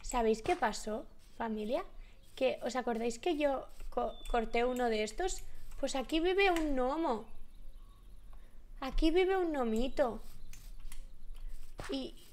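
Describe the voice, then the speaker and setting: A young woman with a Spanish accent, chatting to her viewers while playing a game, with sudden high shrieks. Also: slow, long pauses, darkish tone, slight background noise. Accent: Spanish from Spain. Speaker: gaming YouTuber. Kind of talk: Minecraft let's play commentary. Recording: game music behind the voice.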